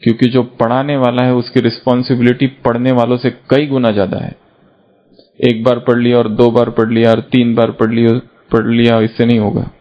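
A man's voice: mid-range voice, level tone, normal speed. A man giving an earnest, instructive spiritual talk, repeating points and telling stories to make them. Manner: earnest, repetitive, storytelling. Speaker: spiritual teacher. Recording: dull lo-fi recording.

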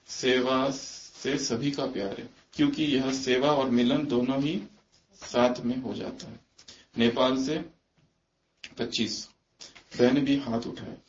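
A man giving a religious discourse to a gathering, asking many rhetorical questions and slipping in English phrases. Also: mid-range voice. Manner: slips quoted English phrases into his talk. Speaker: spiritual teacher. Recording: echoey, muffled room recording.

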